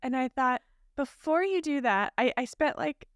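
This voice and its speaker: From a hotel room or similar place abroad, a female podcast co-host shares stories in a chatty, laughing manner with plenty of fillers. Her high voice is expressive and clear with a resonant tone at normal speed, captured in dry, studio-quality audio.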